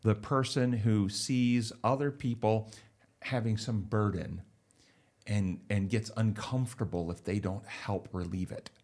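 A man speaking as a counselor, explaining ideas in a measured, earnest way and telling illustrative stories. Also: fairly low pitch, fairly even intonation, a little mellow. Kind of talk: conversational explanation.

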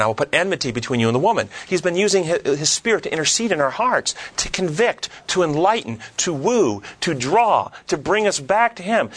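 A man's voice: fairly high pitch, a bit bright. A man leading a Bible study discussion, quoting scripture earnestly and driving points home with rising, emphatic questions.

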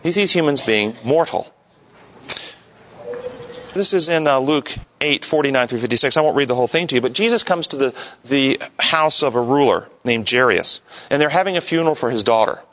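A man's voice: mid-range voice, expressive, fairly quick, a bit bright. A man leading an interactive Bible lesson, talking conversationally and putting questions to his audience. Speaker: Bible study teacher.

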